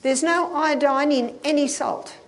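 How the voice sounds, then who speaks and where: An older woman gives a health lecture to an audience, explaining step by step with occasional laughs and questions to check in with listeners. Her voice sits high and she speaks unhurriedly.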